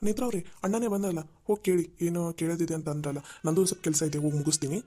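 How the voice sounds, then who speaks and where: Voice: medium pitch, fairly even intonation, fast, mellow, close to an everyday voice. Voice actor as a friendly young office guy. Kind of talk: cartoon voice acting.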